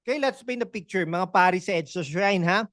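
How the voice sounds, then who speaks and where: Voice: medium pitch, fairly quick, fairly bright tone, dry recording, clean studio sound. Sarcastic Filipino-accented political commentator. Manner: sarcastic, full of rhetorical questions; conversational, with frequent tag questions.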